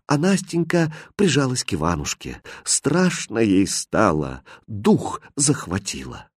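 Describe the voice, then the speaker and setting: A man narrates a fairy tale with an expressive, storybook reading, his pitch rising and falling lively. Mid-pitched voice, recorded close and dry. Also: a little slow, husky, no room sound.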